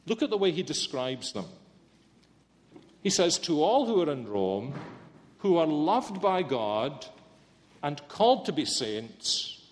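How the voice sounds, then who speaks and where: Slow-speaking male preacher in a hall. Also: fairly high pitch, sing-song. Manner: earnest, emphatic, rhetorical questions. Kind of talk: sermon. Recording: long reverb in a hall.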